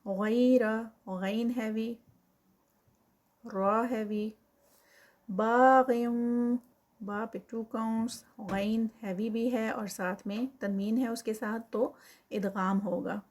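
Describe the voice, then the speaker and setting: A woman teaching Quran recitation. She chants verses slowly and drawn out, then explains the rules quickly, mixing in English counting terms. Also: medium pitch, fairly even intonation, darkish tone. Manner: mixes English counting terms into her speech.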